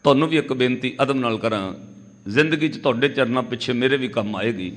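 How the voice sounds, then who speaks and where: A man preaching a Sikh katha sermon, telling a story with lively delivery, sometimes breaking into melodic chanting. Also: mid-range voice, quick pace. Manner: animated storytelling, acting out dialogue in quotes. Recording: long hall reverb.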